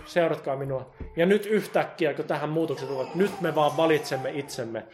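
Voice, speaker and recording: A man preaching a sermon with passion, moving from loud emphasis to quiet, intense appeals and quoting God in the first person. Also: fairly high pitch.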